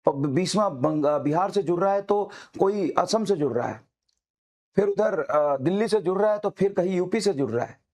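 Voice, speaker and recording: High-voiced man giving fiery pep talk. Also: expressive, moderate pace, a little mellow. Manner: fiery, exhorting, repetitive urging. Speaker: coaching teacher. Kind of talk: motivational speech to students.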